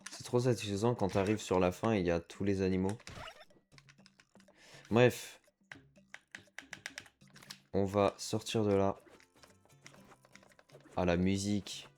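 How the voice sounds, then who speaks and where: A man's voice: low-pitched, fairly even intonation, takes it slowly, long pauses, a little mellow, faint music behind. A man giving chatty let's-play commentary as a gaming streamer, reacting aloud to the game and dropping English slang.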